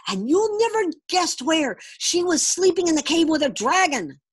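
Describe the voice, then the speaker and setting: A woman's voice: on the high side, lively intonation, moderate pace, breathy edge, voice pushed up. A woman voicing an earnest, kind young farm boy in a storybook read-aloud, eager and pleading.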